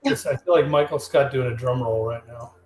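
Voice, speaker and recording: A man's voice: mid-range voice, a little fast, a little mellow. Man with a tinny metallic echoey voice. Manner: joking, easygoing. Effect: tinny metallic tin-can sound. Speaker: co-host, trivia presenter. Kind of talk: casual live-stream chat. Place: at his desk, away from the host. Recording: echoey tin-can remote audio, faint hiss.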